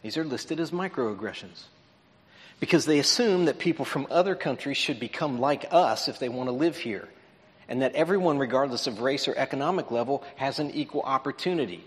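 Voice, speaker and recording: A man with a mid-range voice talks fairly quickly as he gives a sermon lesson in a large auditorium with long reverb. He keeps it conversational and explanatory, checking in with the audience as he goes.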